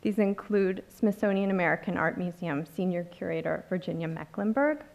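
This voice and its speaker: A woman conference organizer reading formal acknowledgements in an auditorium, in a measured, scripted way. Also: fairly low pitch, gravelly, a little mellow. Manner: reads a list of thanks, measured.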